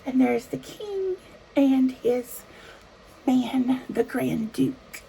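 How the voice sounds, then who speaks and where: Slow, creaky, high-voiced woman chatting. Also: animated, mellow, slight background noise, poor audio. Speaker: host. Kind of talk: casual chat to viewers.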